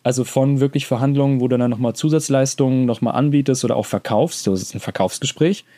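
A man's voice: medium pitch, fast talker, mellow. A young man co-hosting a podcast, talking casually in a rambling way with slangy asides. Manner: rambling, many restarts and fillers, slangy. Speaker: podcast co-host.

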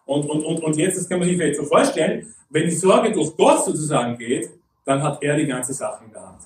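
A high-voiced man gives a sermon from some distance away from the mic, his voice ringing through a roomy hall. He talks conversationally and keeps checking in with his listeners. He slows down and gets deliberate when reading scripture. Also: lively intonation, darkish tone. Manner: conversational, often asks "nicht?" and "okay?"; reads Bible verses slowly and deliberately. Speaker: preacher.

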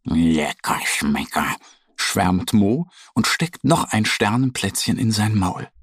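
A man narrating a children's story in an animated, expressive way. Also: fairly low pitch, takes it slowly, breathy edge, dry recording, studio quality.

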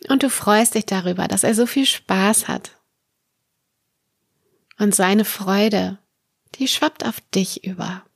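A woman narrates a guided meditation at a slow, unhurried pace, placing short soothing phrases between pauses. Her mid-pitched voice has a creaky edge and gentle delivery, recorded dry and close without room sound. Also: dry recording. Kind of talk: guided meditation, a calm narrated dream journey.

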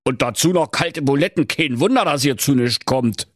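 A man's voice: medium pitch, expressive, normal speed, no echo, studio quality, voice pushed up, lightly acted. A man voicing a cantankerous stingy old male miser with a Berlin accent, grumbling and scolding.

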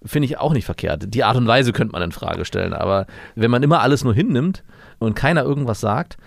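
Quick talking podcast guy, asks lots of questions, dry close mic. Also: mid-range voice, lively intonation, creaky, no echo. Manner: quick, asks probing questions, laughs often. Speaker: podcast co-host. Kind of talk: casual chat.

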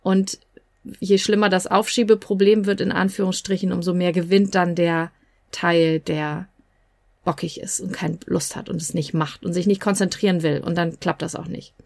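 A woman's voice: on the low side, flat delivery, moderate pace, vocal fry, darkish tone, dry recording. A woman coach and podcast host giving advice in a conversational, explanatory way, with fillers here and there.

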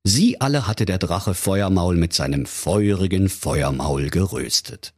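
A man's voice: deep voice, animated, a little slow, breathy edge. A man narrating a comic fairy tale for children in a playful, mock-solemn storyteller's manner.

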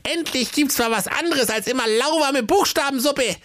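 A man's voice: very high voice, moderate pace, fairly bright tone, pitched above the performer's own voice. A man voicing a sulky, skinny, always-hungry boy in a comedy fairy-tale audio story. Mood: eager. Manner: whiny, sulky.

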